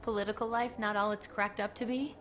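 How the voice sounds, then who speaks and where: A woman's voice: mid-range voice, steady tone, brisk, a bit bright, natural voice. An actress playing a caring, friendly female commander in a video game, sympathetic and polished. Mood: caring, curious.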